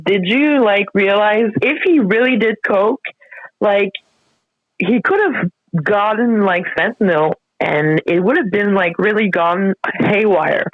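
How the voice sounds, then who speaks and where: A woman caller with a French accent, a native French speaker, chatting casually in a hesitant, halting way. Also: medium pitch, dry recording. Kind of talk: casual chat. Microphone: call-in connection. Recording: dull lo-fi call audio.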